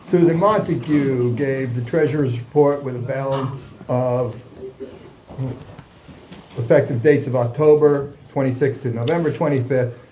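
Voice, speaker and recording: Guy reading out meeting minutes, soft mellow voice, trips on words a bit, some room noise. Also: medium pitch, rough recording. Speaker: vice secretary.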